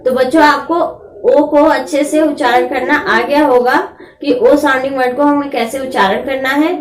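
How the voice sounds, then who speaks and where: A woman teaching children phonics, slowly sounding out letters and words. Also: high voice, low-quality recording.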